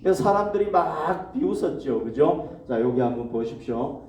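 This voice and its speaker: A pastor preaches a sermon in a slightly high, mellow voice with lively intonation at a moderate pace, posing questions to his congregation and answering them himself. He's recorded from a distance in an echoey church hall.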